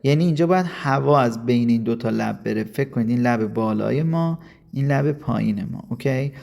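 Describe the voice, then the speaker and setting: Gravelly Iranian teacher. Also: male voice, mid-range voice, a little mellow, soft background music. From Iran. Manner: casual, coaxing, mixes in slow English. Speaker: English teacher. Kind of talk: casual video lesson.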